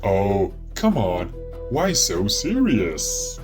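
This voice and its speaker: A man's voice: fairly low pitch, full character voice. A man voicing a cheerful chatty robot. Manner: theatrical, lively, drawn-out delivery. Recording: soft music underneath.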